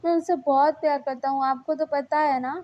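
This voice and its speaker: A woman voicing a lovesick young man who begs softly and tearfully, in a muffled lo-fi recording. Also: high voice, fairly even intonation, fairly quick, voice pushed up, lightly acted. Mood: pleading. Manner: soft begging, tearful.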